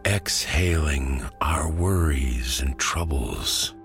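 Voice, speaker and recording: A man narrating sleep stories in a slow, soothing, hushed way, with a husky low voice. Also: soft background music. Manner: slow, calming, hushed delivery. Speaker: podcast host and sleep story narrator.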